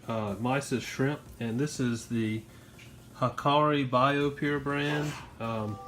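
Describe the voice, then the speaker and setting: A man casually narrating a home how-to video, explaining things in an informal, easygoing, unscripted way to viewers. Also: mid-range voice. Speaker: home aquarium hobbyist filming a fish-care vlog. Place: at home beside a fish tank and kitchen sink.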